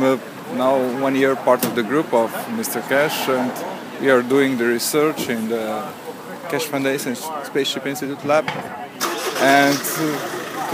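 Slovenian man, thirties, halting with fillers, outdoors, engine noise behind. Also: mid-range voice. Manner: halting, many fillers, non-native English. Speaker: event organizer. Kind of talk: short on-camera statement. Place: outdoors by a glass building.

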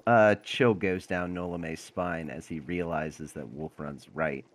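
A man narrating his character's actions in a tabletop game, long-winded and deliberate. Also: low voice, fairly even intonation. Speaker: player.

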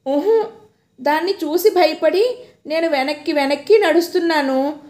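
Frightened young wife, woman reading her, high voice, anxious and breathless, roomy echo. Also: a little slow, a little mellow. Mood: recounting fearfully.

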